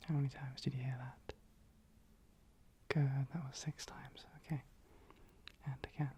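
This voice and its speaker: Someone in a whispered role-play as a calm, attentive clinic assessor, giving instructions softly and breathily and gently repeating phrases. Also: medium pitch, a little slow, slight background noise. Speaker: ASMR performer.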